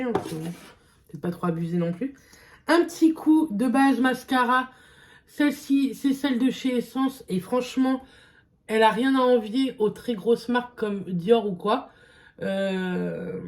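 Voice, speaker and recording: A woman's voice: a little high, darkish tone, slight background noise. A young woman vlogger chatting casually through a makeup test, hesitant and full of fillers. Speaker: beauty vlogger. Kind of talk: casual makeup vlog chat.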